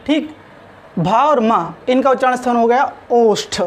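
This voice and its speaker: A man's voice: very high voice, lively intonation, a little slow. A man teaching a spoken lesson on pronunciation, sounding out each letter carefully.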